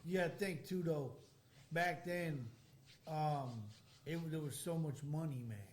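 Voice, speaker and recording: A man's voice: fairly high pitch, slow pace, a little hiss or hum. A man telling stories in casual chat, explaining things loosely with informal slang.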